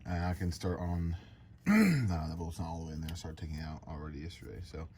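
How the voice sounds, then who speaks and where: A man vlogging his truck work outdoors, rambling casually with lots of fillers and throat clearing. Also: deep voice, expressive, fast talker, darkish tone, a little hiss or hum. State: out of breath. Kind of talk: casual DIY vlog.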